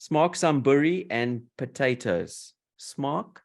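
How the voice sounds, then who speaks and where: A man's voice: medium pitch, animated, slow, creaky. A man with a South African English accent hosting a casual interview, playfully teaching slang. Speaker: host.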